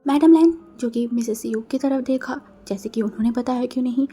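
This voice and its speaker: A woman tells a fan-fiction story casually, sprinkling in English fillers. Her voice sits fairly high, with a mellow, soft tone and a breathy edge. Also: fairly quick. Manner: chatty, with frequent English filler words.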